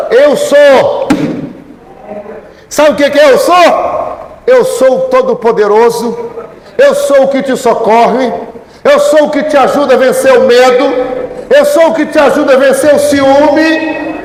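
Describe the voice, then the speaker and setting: A Brazilian man preaching a sermon as pastor, calling out church members by name and building up to shouted, repeated declarations. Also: extremely high pitch, steady tone, moderate pace, reverberant, in a large hall, poor audio. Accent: Brazilian Portuguese.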